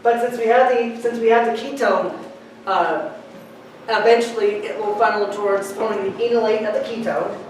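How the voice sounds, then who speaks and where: Speaking at a moderate pace with fairly even intonation and medium pitch, the same talkative, joke-prone chemistry lecturer addresses a large lecture hall. The distant, echoey recording carries a little hiss or hum.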